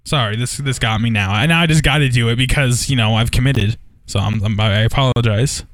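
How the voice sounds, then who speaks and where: A man's voice: medium pitch, fairly quick, reverberant. A man streaming karaoke with a metallic, tin-can voice filter on his mic, talking in a rambling, profane, self-mocking way. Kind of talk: casual karaoke stream chat.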